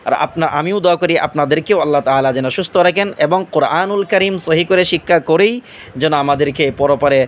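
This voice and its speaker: A man teaching Quranic Arabic pronunciation, patiently explaining and slowly drawing out each letter sound. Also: fairly high pitch, slight background noise. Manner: slow, drawn-out demonstration of letter sounds; patient explaining with frequent "inshallah".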